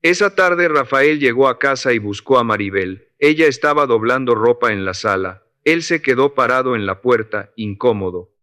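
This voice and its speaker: A man narrates a scripted motivational story. He reads in a steady, unhurried way. His voice sits at a mid pitch.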